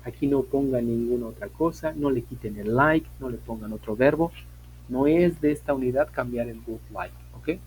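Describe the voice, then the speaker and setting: A man's voice: mid-range voice, moderate pace, a little mellow, a little hiss or hum, poor audio. A man, teaching an online English class, explaining patiently, repeating points and asking his students questions.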